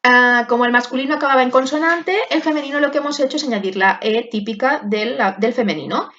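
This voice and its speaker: A woman teaching a class, explaining pronunciation slowly and repeating each word carefully. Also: a little high, a bit bright, dull audio. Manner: slow, deliberate, repeats words for pronunciation. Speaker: French teacher.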